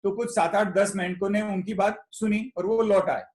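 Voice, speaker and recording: High-voiced man in echoey room. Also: fairly even intonation, moderate pace, a little mellow. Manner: storytelling, repeats words, mixes Hindi and English. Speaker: speaker at a club meeting. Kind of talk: motivational talk with a story. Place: meeting room.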